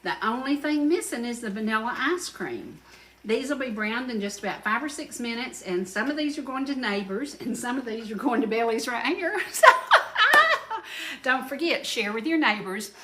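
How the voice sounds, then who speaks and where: A woman's voice: a little high, lively intonation, normal speed, echoey room, background noise. A woman in her seventies with a Southern US accent, hosting a cooking segment on a local TV talk show in a folksy, chatty, playful way. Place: TV studio kitchen set.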